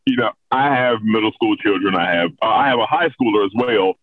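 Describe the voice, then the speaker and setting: A middle-aged American man who hosts a children's story reading show is being interviewed, speaking candidly and casually with self-deprecating humour. His voice is fairly low and a little fast, with a noisy background and thin, phone-like call audio.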